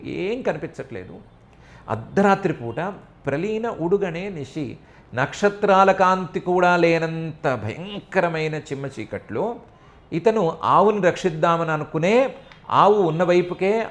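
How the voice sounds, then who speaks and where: A middle-aged man speaks with a Telugu accent in a slightly high voice. He is giving a devotional discourse, chanting Sanskrit verses and then retelling them as a lively story in Telugu. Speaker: scripture expounder.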